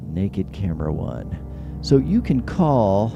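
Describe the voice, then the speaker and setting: A man's voice: on the low side, big pitch swings, slow pace, vocal fry, dull audio. A man hosting a casual late-night live stream in a rambling, conversational way, with whistling s sounds. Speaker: host of a live-streamed call-in show. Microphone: close handheld or stand microphone. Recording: music behind the voice. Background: background music.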